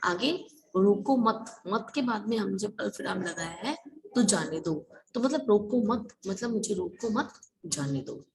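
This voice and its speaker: A woman's voice: medium pitch, unhurried, creaky, crowd noise, poor audio. A woman teaching an online Hindi class, explaining step by step and asking and answering her own questions.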